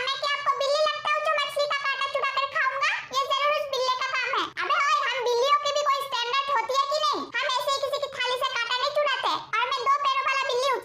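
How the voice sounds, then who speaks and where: A very high, squeaky set of voices trade teasing jabs and whines in an amateur comic voice dub, all done by one performer. The recording sounds roomy, with a loud steady hiss under it. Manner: bickering, teasing and whiny. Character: squabbling comic family members in a fan dub.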